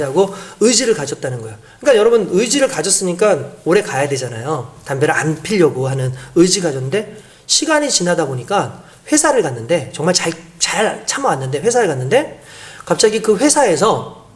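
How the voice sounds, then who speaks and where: A woman pastor preaching a sermon, explaining step by step and asking the congregation rhetorical questions. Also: sits low.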